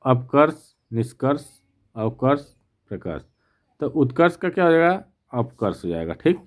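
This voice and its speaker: A man's voice: mid-range voice, sing-song. A man teaching an exam practice lesson, reading each question and its options aloud, then explaining the answer and checking with the class. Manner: slow, methodical, reads options aloud; repeats "theek na" to check.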